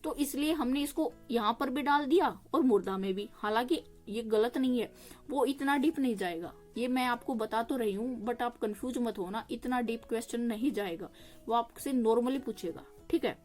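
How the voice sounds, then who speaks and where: Higher-voiced woman teaching a grammar lesson. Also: darkish tone, soft background music. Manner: explains patiently, asking and answering her own questions; sounds out each consonant slowly for listeners to repeat. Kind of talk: exam-prep grammar lesson.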